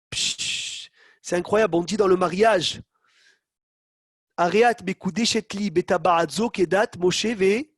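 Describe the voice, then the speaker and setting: A man with a high voice teaches a Torah class on a video call, animated, acting out quotes and calling on students by name. The sound is very dry and close. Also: breathy edge, no room sound. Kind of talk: online Torah lesson.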